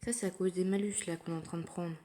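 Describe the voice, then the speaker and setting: A woman giving casual commentary while playing a mobile game, thinking aloud in a quiet, low-key way, recorded through her phone. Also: steady tone, quick pace, slight background noise. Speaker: mobile gamer narrating her play. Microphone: phone screen recording.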